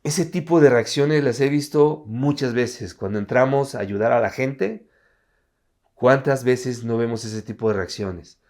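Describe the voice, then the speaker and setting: A man's voice: medium pitch, measured pace, a little mellow. A man preaching a sermon at an online Sunday service. He talks in a conversational way and keeps asking his listeners rhetorical questions.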